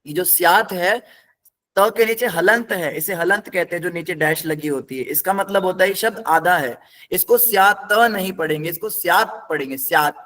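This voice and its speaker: A man with a high, slightly bright voice teaches a scripture class at normal speed. He patiently explains the text word by word, step by step, and puts questions to his students.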